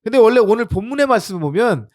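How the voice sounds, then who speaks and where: A male pastor with a fairly high voice and a lively, swinging pitch, recorded with a dry, close sound. He explains with rhetorical questions and leads blessings, stopping often to use fillers and correct himself. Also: fast talker, no room sound. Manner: frequent fillers and self-corrections. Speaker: pastor and seminary teacher. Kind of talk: expository sermon to a congregation.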